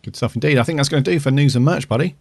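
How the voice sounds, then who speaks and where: A man's voice: mid-range voice, rapid-fire, vocal fry, no echo, studio quality. A man chatting casually as a podcast host. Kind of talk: casual chat.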